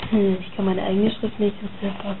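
A woman's voice: mid-range voice, little pitch movement, a little fast, slight background noise. A woman chatting casually and hesitantly as she comments on her own drawings and reads their captions aloud. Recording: tinny phone-like sound.

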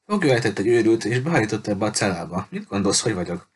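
A man's voice: fairly low pitch, sing-song, slightly rough. A man reading the part of a defiant, sarcastic young girl locked in a ship's cell, in a spoken storybook. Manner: sharp, mocking questions.

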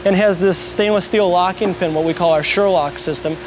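A man with a fairly high voice walks through a factory, explaining each step of production in a plain, steady way. Machine noise hums clearly behind him on the shop floor. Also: fairly quick. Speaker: factory guide explaining brush making. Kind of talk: on-site factory tour explanation.

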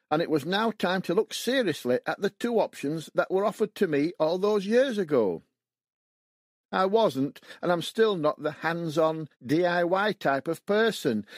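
A man's voice: high-pitched, no room sound, studio quality. A man in his seventies from West Yorkshire, reading his own memoir aloud in a plain, matter-of-fact way. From West Yorkshire, England. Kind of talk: audiobook memoir narration.

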